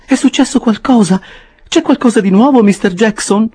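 A man voicing a fretful, shrill landlady. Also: wildly swooping pitch, moderate pace, a little mellow, slightly rough, exaggerated voice. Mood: anxious. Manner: exclaiming, fretful. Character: anxious middle-aged woman landlady. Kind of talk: audiobook character reading.

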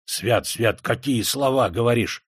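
A man's voice: mid-range voice, a little slow, breathy edge, no room sound, clean studio sound. A man voicing a fawning, pious old clerk who wheedles and pleads. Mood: pleading. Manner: wheedling, ingratiating.

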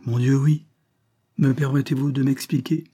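A man reading aloud, voicing a smooth foreign gentleman who plays a naive count, effusive and ingratiating. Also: medium pitch, flat delivery, moderate pace, pitched above the performer's own voice, close to an everyday voice.

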